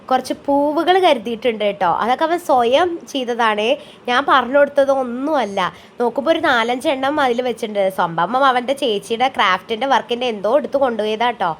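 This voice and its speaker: A woman, a mother chatting through a family vlog voice-over in a homely way. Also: on the high side. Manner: homely, chatty, tags sentences with "ട്ടോ". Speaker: vlogger and mother. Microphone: voice-over, close mic.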